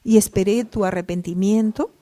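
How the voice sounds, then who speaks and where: A woman's voice: mid-range voice, steady tone, normal speed, dark tone, no echo. A woman leading a Bible study, reading scripture aloud and explaining it earnestly, asking tag questions as she goes.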